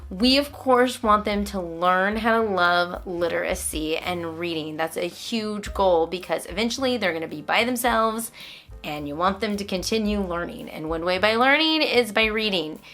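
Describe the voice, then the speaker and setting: A homeschooling mother shares teaching tips in a vlog, sounding explanatory and encouraging, and occasionally reads aloud to a child. Her mid-range voice is fairly bright and runs at normal speed.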